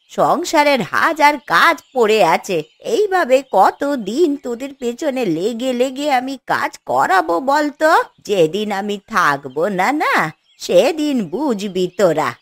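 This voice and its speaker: A woman's voice: on the high side, sing-song, slow pace, no echo, full character voice. A woman voicing a weary, scolding old grandmother in a cartoon, grumbling and sighing over her granddaughters. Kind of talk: animated cartoon voice acting. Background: faint music.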